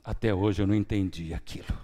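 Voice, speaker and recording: A pastor preaches fast in a church, his fairly low voice carrying a Brazilian Portuguese accent. Telling his testimony, he swings between hushed, quiet delivery and loud, lively bursts.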